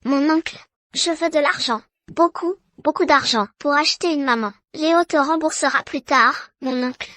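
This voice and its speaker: A woman's voice: high-pitched, moderate pace, bright, forceful tone, no echo. A woman voicing a cute, wheedling little child in a dubbed drama. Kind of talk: dubbed short-drama acting.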